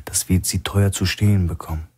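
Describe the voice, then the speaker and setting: A man voicing a calm, experienced male investigator who speaks steadily and gravely in a crime audiobook. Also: low voice, brisk.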